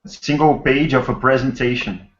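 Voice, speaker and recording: Male learner, careful and halting, echoey lo-fi call. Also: mid-range voice. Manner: hesitant, careful. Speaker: student. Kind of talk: reading answers aloud in class. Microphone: video call. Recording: roomy, dull video call audio.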